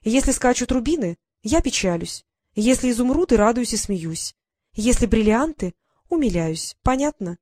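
A woman's voice: fairly high pitch, expressive, moderate pace, darkish tone, no room sound, clean studio sound, pitched above the performer's own voice. Woman doing a bossy little fairy courtier. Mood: prying. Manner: haughty, easily irritated, lecturing. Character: tiny fussy grumpy female fairy courtier. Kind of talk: audiobook character voice.

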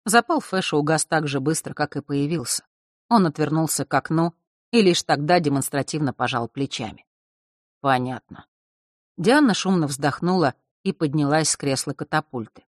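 A man narrating a young-adult fantasy audiobook in an even, measured way. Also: fairly high pitch, no echo, clean studio sound. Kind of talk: scripted narration.

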